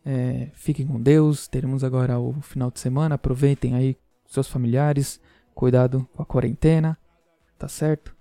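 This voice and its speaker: Teasing man hosting a podcast, mellow voice. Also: mid-range voice, flat delivery, moderate pace, vocal fry, no echo. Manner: joking, teasing listeners. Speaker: podcast host. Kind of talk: casual podcast chat.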